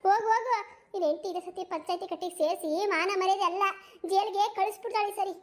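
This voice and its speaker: A woman voicing a proud, quarrelsome old village grandmother who complains and laments melodramatically in an animated cartoon. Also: extremely high pitch, quick pace. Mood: sulky.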